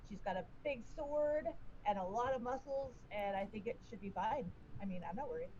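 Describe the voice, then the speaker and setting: A woman's voice: a little high, expressive, fairly quick, background noise. A woman casually introducing herself and her character as a player in a tabletop game, on a lo-fi microphone. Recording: dull lo-fi microphone sound. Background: music.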